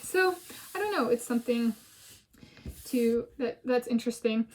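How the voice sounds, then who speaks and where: A woman's voice: a little high, animated, moderate pace. A woman vlogger thinking aloud in a meandering personal monologue, filming herself. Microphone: self-filmed camera.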